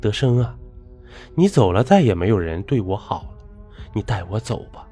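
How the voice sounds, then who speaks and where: A man's voice: lowish voice, very animated, normal speed, mellow, soft background music. A man voicing a grieving widowed village mother in a folk ghost story, pleading in a raised, tearful voice.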